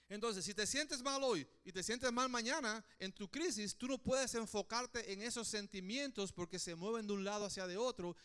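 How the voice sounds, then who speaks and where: A man preaching a sermon, animated, often checking in with the congregation with quick questions. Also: high voice, smooth. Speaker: pastor.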